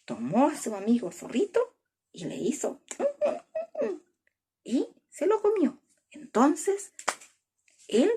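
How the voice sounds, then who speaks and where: A woman telling a children's story in a slow, expressive way, with a husky, breathy voice and whispered asides. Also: high voice.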